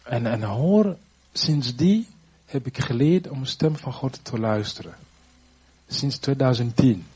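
A man giving a personal faith testimony, halting and searching for words, earnest and reflective. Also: medium pitch, expressive, dark tone, slightly rough, lo-fi sound.

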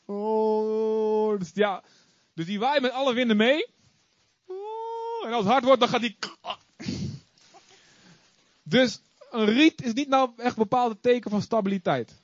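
High-voiced, animated man preaching. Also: no echo. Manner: animated, calls on the congregation to join in, acts out stories. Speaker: pastor. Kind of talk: lively sermon. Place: church before a congregation. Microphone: recorded live. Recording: slightly muffled, dry.

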